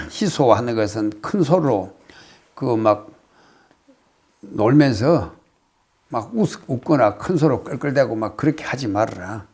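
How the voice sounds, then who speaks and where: An older man from Korea, a Buddhist monk, giving a casual spoken lecture on a classical text, reciting phrases and then explaining them with many pauses. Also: mid-range voice, expressive, darkish tone, husky. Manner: explains slowly, reciting phrases then paraphrasing, with frequent hesitations.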